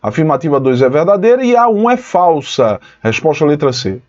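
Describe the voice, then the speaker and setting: Man, online teacher, higher voice, muffled lo-fi audio. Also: moderate pace. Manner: lively, explanatory, addresses students as "pessoal". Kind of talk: online exam-prep lesson.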